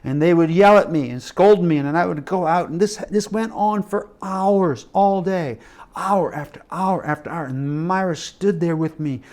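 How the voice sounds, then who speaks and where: Middle-aged man, sermon storyteller, lively and dramatic, swings from loud to hushed. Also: high-pitched, moderate pace. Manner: animated storytelling with acted quotes and shifting loudness. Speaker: missionary preacher.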